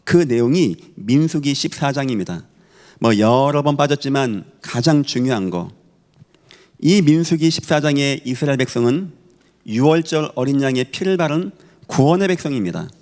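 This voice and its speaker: A man's voice: mid-range voice, lively intonation, moderate pace, a little mellow. A male pastor delivering an emphatic sermon, asking rhetorical questions and answering them. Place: church sanctuary. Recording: reverberant church hall.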